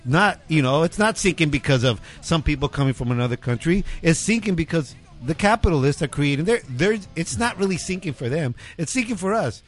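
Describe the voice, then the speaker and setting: A male talk show panelist in casual, opinionated debate, halting and repeating words as he argues. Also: on the high side, animated.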